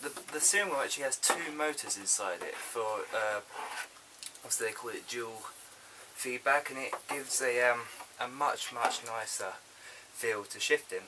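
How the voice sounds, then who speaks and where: Man, casual unboxing chat, informal halting delivery, medium pitch, loud hiss and clicks from a built-in camera mic. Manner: informal, halting, thinking aloud. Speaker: product unboxing presenter. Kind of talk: casual unscripted vlog chat. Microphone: built-in camera microphone.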